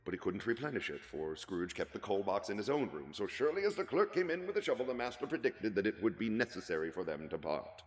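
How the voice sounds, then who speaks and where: A man doing a cold read of a classic story as narrator, with dramatic, expressive storytelling. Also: fairly low pitch, quick pace, hardly any pauses. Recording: echoey room with long reverb.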